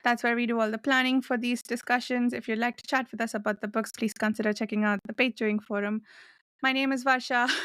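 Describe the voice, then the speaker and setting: A woman's voice: on the high side, fairly bright tone, no room sound. A woman hosting a casual book discussion podcast. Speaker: podcast host.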